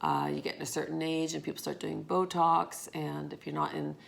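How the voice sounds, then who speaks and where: A woman's voice: low-pitched, flat delivery, fairly quick, vocal fry. A woman talking candidly in a casual late-night vlog, reflective and tired after a long day, swearing now and then. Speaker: vlogger.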